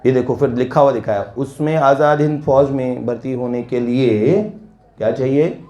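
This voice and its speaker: A man's voice: medium pitch, normal speed, mellow, muffled recording. A man preaching a devotional sermon, telling a story earnestly and exhorting his listeners. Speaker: satsang preacher. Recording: echoey room.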